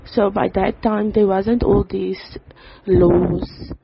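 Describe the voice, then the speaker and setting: Slow earnest voice in a phone voice note. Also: mid-range voice, creaky, husky. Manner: slow, even and earnest, with pauses and fillers. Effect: phone voice note recording. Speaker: person giving a testimony. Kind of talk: prayer then personal life story. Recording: slightly dull voice note with faint background noise.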